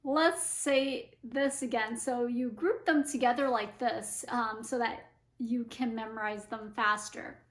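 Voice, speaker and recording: A woman's voice: fairly high pitch, steady tone, a little slow. A woman teaching a Chinese pinyin lesson, drilling syllables one by one and explaining patiently. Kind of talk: slow pinyin pronunciation lesson.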